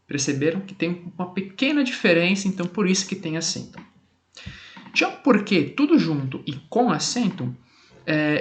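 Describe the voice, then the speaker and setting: A male Portuguese teacher with a Brazilian accent explains grammar rules to the camera. He reads out example sentences with added stress and keeps checking in with "tá bom?". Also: fairly high pitch.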